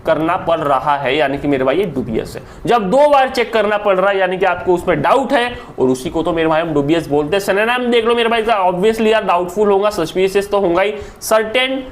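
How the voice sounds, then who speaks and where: A man with an Indian accent teaching English vocabulary in a lively, chatty online lecture, repeating words aloud and calling listeners brother. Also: high-pitched, brisk, hardly any pauses. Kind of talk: online exam-prep lecture.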